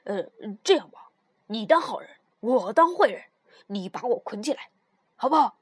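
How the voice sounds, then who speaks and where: A woman's voice: on the high side, lively intonation, moderate pace, breathy edge, no room sound, pitched below the performer's own voice. A woman voicing a big, strong, bossy male tiger in a children's story, with a drawling, offhand manner. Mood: coaxing.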